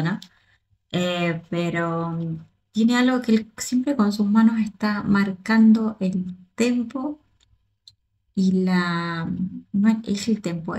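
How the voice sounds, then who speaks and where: A woman from the Río de la Plata region, a choreographer and dance teacher giving excited, casual reaction commentary, repeating herself and restarting often. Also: mid-range voice.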